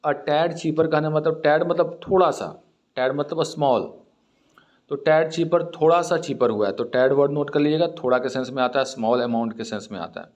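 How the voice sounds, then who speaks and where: A man with an Indian accent, teaching English by reading editorial lines slowly and then explaining word meanings in Hindi. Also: mid-range voice.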